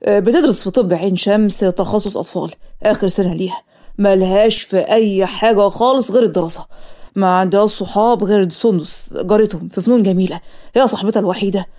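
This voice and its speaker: A woman with an Egyptian accent voicing cartoon dialogue in a brisk, matter-of-fact way. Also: mid-range voice, mellow. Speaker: voice actor.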